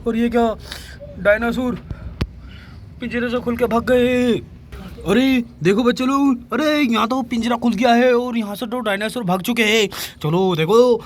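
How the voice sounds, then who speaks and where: A man's voice: sits high, slight background noise. A man narrating toy play for children in an eager, repetitive way, constantly calling out to the kids.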